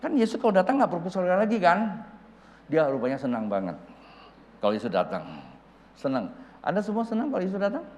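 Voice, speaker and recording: A male pastor preaching in a large church hall, his pitch a little higher than most men's and swinging widely as he acts out the people in his story. The long reverb of the hall trails after his words. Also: fast talker, pauses often, slight background noise. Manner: animated, acts out dialogue with shifting voices. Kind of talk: sermon storytelling.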